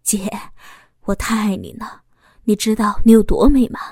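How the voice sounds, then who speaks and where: A woman's voice: medium pitch, moderate pace, dry recording, clean studio sound, natural voice. Woman voicing a sly teasing young man. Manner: playful, sly, softly intimate.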